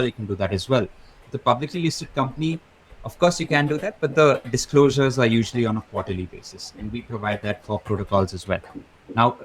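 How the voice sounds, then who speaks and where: A man's voice: fairly low pitch, breathy edge, poor audio. A man being interviewed as a guest, explaining crypto data in a fluent, methodical way and listing items one after another. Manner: fluent, methodical, rattles off lists. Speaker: guest, crypto research lead.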